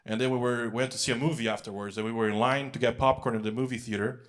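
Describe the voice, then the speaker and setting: Speaking fast in a mid-range voice with a steady tone, a young American man delivers a stand-up set on a big music hall stage. His stories come out loose and conversational, peppered with fillers and acted quotes.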